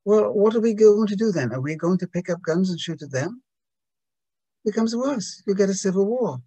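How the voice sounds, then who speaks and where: A man's voice: high-pitched, expressive, normal speed, mellow, breathy edge, no echo, low-quality recording. A man giving a reflective Buddhist talk to a group, hesitant and full of restarts and rhetorical questions.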